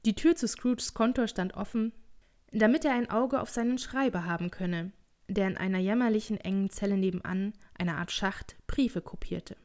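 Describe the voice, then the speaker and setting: A woman narrating a classic story as an audiobook, measured and expressive. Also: mid-range voice.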